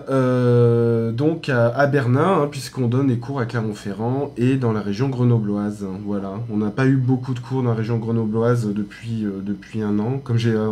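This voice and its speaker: A man's voice: medium pitch, warm tone. A man with a French accent chats casually on a live stream from a hotel room, his voice in the middle range. He talks loosely with many fillers, restarts and small laughs at himself. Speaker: aromatherapy teacher.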